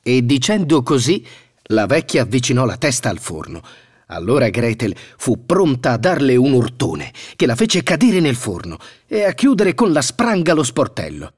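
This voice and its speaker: A man narrating a fairy tale in a scripted, expressive storytelling manner. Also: mid-range voice, normal speed, breathy edge.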